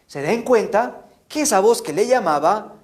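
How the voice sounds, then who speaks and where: A man telling a Bible story to children in an animated way, often checking in with them. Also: high-pitched, moderate pace. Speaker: catechist.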